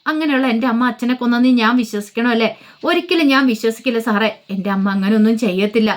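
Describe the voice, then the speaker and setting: Narrator voicing distraught young woman, pleading, rushed. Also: on the high side, close to an everyday voice. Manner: pleading, sobbing. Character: grieving young woman, desperate daughter.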